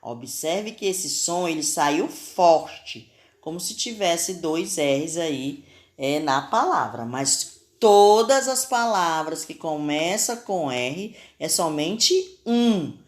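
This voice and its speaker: A Brazilian woman teaches spelling in a very slow, patient voice. Her pitch sits fairly low but moves a lot as she stresses each sound. She spells out syllables clearly, as if for young pupils. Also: animated. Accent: Brazilian Portuguese. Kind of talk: recorded school lesson.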